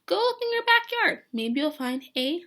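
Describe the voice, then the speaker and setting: A very high-pitched woman teacher reads a picture book to little children at a moderate pace, animated and often addressing questions right to them. Background noise can be heard.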